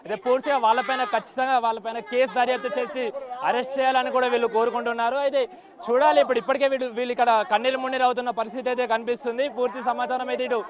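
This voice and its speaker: A man's voice: very high-pitched, little pitch movement, very fast. A male news reporter doing a formal field report outdoors at the scene, asking questions. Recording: crowd noise on location.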